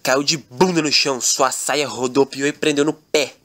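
A man's voice: mid-range voice, steady tone, normal speed, bright, forceful tone. Man narrating an absurd parody tale. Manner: mock-dramatic, repetitive storytelling. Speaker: comic storyteller.

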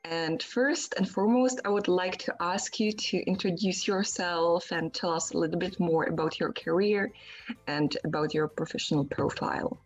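A woman's voice: on the low side, normal speed, soft background music, low-quality recording. A woman hosting an interview over a video call, asking brief friendly questions. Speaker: interview host. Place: indoor room. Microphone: video call webcam.

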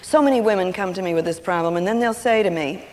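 Animated woman teaching in an echoing hall. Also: mid-range voice, fast talker, a little hiss or hum. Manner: animated, acts out quotes in changing voices. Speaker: seminar speaker on personality and marriage. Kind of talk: lively teaching talk with stories. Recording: long hall reverb on an old videotape.

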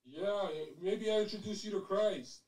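A man's voice: high voice, moderate pace, a little mellow. A man on a podcast, teasing the guests with mock-preacher jokes. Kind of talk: casual podcast chat.

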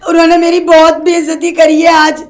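Timid young second wife, played by a woman, high soft pleading voice, comedy skit. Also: completely flat delivery, brisk. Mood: tearful. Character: meek young second wife, tearful and obedient.

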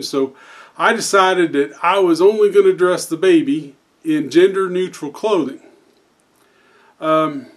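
A man in his fifties or older telling a dad joke as a rambling anecdote, in a halting, hesitant way with repeated words. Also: on the high side. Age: 50s or older. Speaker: host of a daily joke show.

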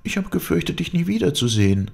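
A man's voice: a little high, big pitch swings, fast, vocal fry, pitched above the performer's own voice, exaggerated voice. A man voicing a tearful young princess in a storybook reading, pleading. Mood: anxious.

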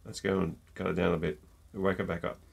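Here the gin reviewer's voice is low and creaky, fairly quick, with little movement in pitch. He's a middle-aged man nursing a cold and a stuffy nose, joking casually to camera with plenty of ums. The setting is a home room with shelves of bottles, his mouth close to a desk mic.

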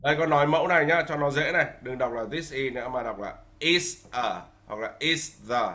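A male teacher leads a children's English lesson over a video call. He coaxes his pupils patiently and gives instructions in a steady, mid-pitched voice. He says each short English phrase slowly and clearly so the children can repeat it. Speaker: teacher of an online English class for young children. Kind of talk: online class teaching, mixing Vietnamese instructions with English drills.

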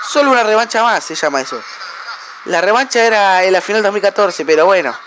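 High-voiced Argentine man calling a football game. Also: animated, fairly quick, a little hiss or hum. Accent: Argentine Spanish. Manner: shouts and cheers at big plays, chatty and fan-like. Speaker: gamer narrating his own match. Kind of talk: excited play-by-play game commentary.

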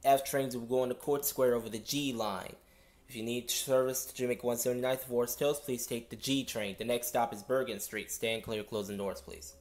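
A man's voice: medium pitch, fairly even intonation, fairly quick, a little mellow. Man making formal transit announcements. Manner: formal, repeats service instructions to passengers. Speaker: subway train announcer.

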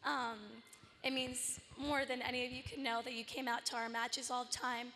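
A young woman who plays on a college volleyball team, her voice hoarse, giving an earnest thank-you speech with many pauses. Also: a little high, level tone, pushed and bright, long reverb tail, a little hiss or hum. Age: young adult. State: lost her voice. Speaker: senior college volleyball player.

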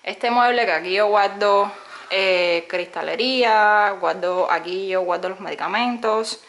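A woman's voice: mid-range voice, a little slow, vocal fry, fairly bright tone, a little hiss or hum. Cuban woman chatting on a house tour. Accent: Cuban Spanish. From Cuba. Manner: chatty, many "eh" fillers, addresses viewers directly. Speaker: vlogger giving a house tour. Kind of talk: casual house-tour narration. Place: small home, indoors. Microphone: handheld phone camera, speaking from behind it.

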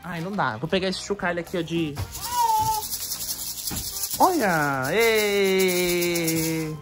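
A woman's voice: fairly low pitch, takes it slowly. A mother filming her baby twins, talking to them in playful, cooing baby talk and chatting to viewers. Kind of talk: casual home video chat. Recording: clear background music.

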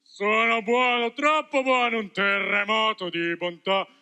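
A male student actor playing a blustering, soft-hearted puppet master in a school stage musical, theatrical and melodramatic. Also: high-pitched, fairly even intonation, a little slow, smooth, heavily acted. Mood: gruff. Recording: reverberant theater hall.

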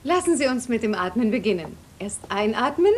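A woman dubbing a calm birthing class instructor in a soap opera, speaking slowly and instructively. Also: on the high side, slight background noise. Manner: slow and instructive. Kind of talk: German TV soap dub.

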